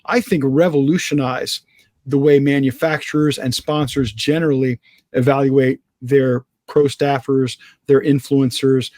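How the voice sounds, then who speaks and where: A man's voice: mid-range voice, unhurried, no echo. Confident guy guesting on a podcast, mid voice, jokey, dry close mic. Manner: energetic, self-assured, joking. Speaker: podcast guest, fishing industry businessman. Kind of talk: casual interview chat.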